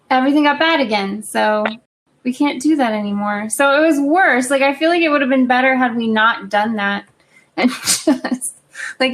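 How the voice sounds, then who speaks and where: Woman in her thirties, higher voice, chatty, halting restarts, remote call co-host. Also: a little hiss or hum. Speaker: podcast co-host. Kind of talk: casual chat.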